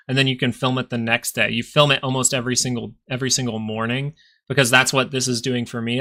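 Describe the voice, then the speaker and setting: In a medium-pitched, sharp-toned nasal voice, a young streamer gives live stock market commentary and talks with his viewers. His speech is casual and rambling, full of restarts as he thinks out loud.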